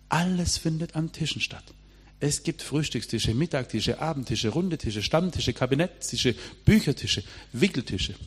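A man's voice: a little high, husky. A middle-aged man delivers a sermon. He talks emphatically and turns to address his listeners directly. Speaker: preacher.

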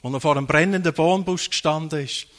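A man's voice: on the high side, fast, a bit bright. A man preaching a sermon, dwelling on phrases and repeating key words for emphasis.

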